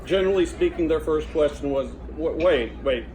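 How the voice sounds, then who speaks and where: A middle-aged man giving an informal father of the bride speech, halting and conversational, with a joking delivery. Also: fairly high pitch. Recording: noisy room with loud audience chatter and laughter.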